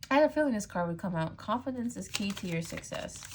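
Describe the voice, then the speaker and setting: A woman's voice: medium pitch, lively intonation, fast, noisy background. A woman giving a casual tarot reading straight to her viewers, chatty and loose, full of "like" and "um". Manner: chatty, frequent "like" and "um", laughs easily. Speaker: tarot reader.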